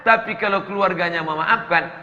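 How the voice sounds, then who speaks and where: A man's voice: sits high, brisk. A man preaching in a humorous question-and-answer sermon, reading out questions and answering with jokes. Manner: jokey, animated, reads questions aloud then answers. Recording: echoey hall, slightly dull sound.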